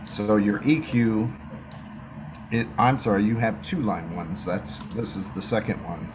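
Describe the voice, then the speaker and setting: A man with a lowish voice explains a chart in a slow, measured way. He speaks very unhurriedly, pausing between phrases. There is a clear hiss of background noise. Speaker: gene keys reader. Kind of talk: explanatory reading session.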